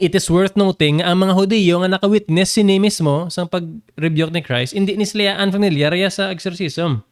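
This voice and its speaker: Animated male preacher. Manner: animated, laughs often, jumps up in pitch for emphasis. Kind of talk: Bible teaching.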